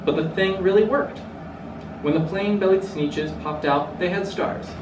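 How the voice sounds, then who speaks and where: A young adult man reads a rhyming children's storybook aloud in a high voice, a little slowly. The recording is roomy and clearly noisy, with a distant mic.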